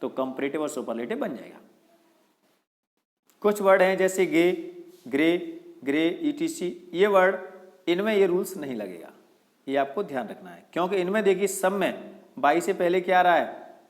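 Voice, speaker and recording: A man's voice: fairly high pitch, sing-song, normal speed, pauses often. A male teacher giving a step-by-step grammar lesson, often asking a question and answering it himself.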